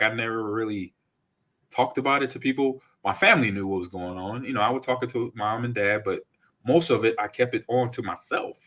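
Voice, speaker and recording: A man in his forties hosts a relaxed podcast, with a fairly low voice that still sounds bright and forceful. He tells stories animatedly and acts out the quotes. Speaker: podcast host. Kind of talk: casual chat.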